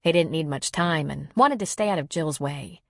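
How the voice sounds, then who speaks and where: A woman with a lowish voice reads an audiobook in a brisk, even manner. The sound is dry and close, with no room around it. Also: creaky, no echo. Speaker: audiobook narrator. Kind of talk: scripted narration.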